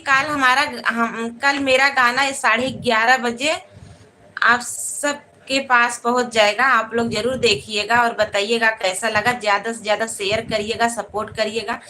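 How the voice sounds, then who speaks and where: A woman hosting a live stream, speaking in a fairly high, bright voice. She talks at an unhurried pace, greeting viewers one by one and asking them to share and support, with faint noise behind her on a phone mic. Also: low-quality recording. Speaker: live-stream host and folk singer. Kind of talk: casual live-stream chat.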